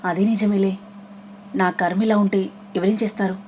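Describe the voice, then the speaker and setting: A woman's voice: medium pitch, level tone, darkish tone, slight background noise, lightly acted. A woman voicing a playful, cheeky young woman who laughs easily. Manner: teasing, quick to laugh.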